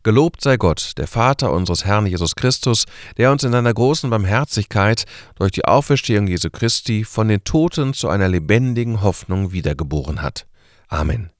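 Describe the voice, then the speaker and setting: A man's voice: on the low side, lively intonation, normal speed, no room sound, studio quality. A man hosting a short radio church service and giving a sermon, talking conversationally with rhetorical questions.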